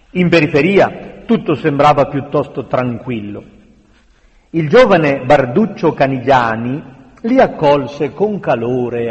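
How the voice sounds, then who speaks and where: A man narrating a historical novel aloud in a slow, measured reading manner. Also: medium pitch, darkish tone, muffled recording. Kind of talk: audiobook narration. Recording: long reverberant room sound.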